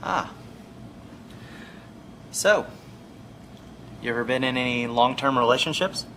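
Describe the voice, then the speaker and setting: A man's voice: medium pitch, slow pace, bright, forceful tone, slight background noise. An actor playing a wry, teasing single man back on the dating scene. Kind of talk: film acting.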